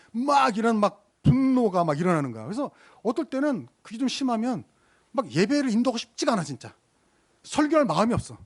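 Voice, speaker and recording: A man's voice: high-pitched, darkish tone. A middle-aged man, a pastor preaching a sermon in a conversational way. He asks the congregation questions, tells personal stories, and repeats phrases for emphasis.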